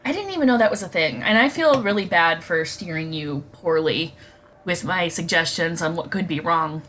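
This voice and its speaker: A woman's voice: fairly low pitch, animated, moderate pace, a bit bright, a little hiss or hum. A woman co-hosting a podcast in casual chat, chatty and giggly, swearing freely. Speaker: podcast co-host.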